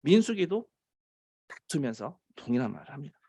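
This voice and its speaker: Korean man, pastor, sermon, slightly high voice, very lively pitch, stretches key phrases. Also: a little fast, husky. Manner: swings from emphatic raised lines to low quiet asides.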